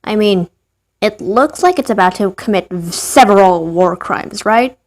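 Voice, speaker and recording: A woman's voice: mid-range voice, lively intonation, unhurried. A woman narrating a ranking of game creatures, with wry, rambling asides in a voice she herself calls tired and dead. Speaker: gaming video narrator. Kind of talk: scripted game ranking commentary.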